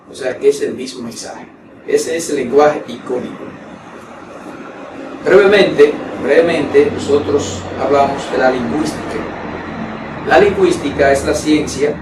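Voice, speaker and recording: Man lecturing in an echoey room. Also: medium pitch. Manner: didactic, repeats key words for emphasis. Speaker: oratory instructor. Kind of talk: classroom lecture. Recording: echoey room, voice from a distance, noisy.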